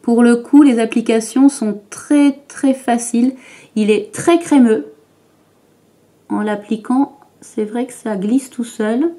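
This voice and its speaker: A woman beauty vlogger explains her makeup step by step to the camera in a relaxed, chatty way. Her voice sits a little high, and she speaks slowly. She often stops for fillers and restarts her sentences. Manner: chatty, hesitant with many fillers. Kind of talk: makeup tutorial talk to camera.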